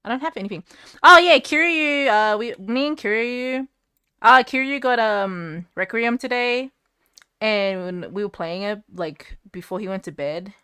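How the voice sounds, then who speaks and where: A woman's voice: a little high, unhurried, bright, forceful tone, clear, resonant tone, no room sound. A woman streaming from home, chatting casually and rambling to her chat while fixing her setup, close to a desk mic.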